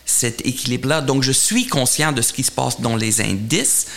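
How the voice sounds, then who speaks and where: Middle aged german guy w german accent speaking french, kinda fry-y voice, halting, repeats words, interview chat. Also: medium pitch, a bit bright. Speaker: portfolio manager, interview guest. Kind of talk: conversational interview answers.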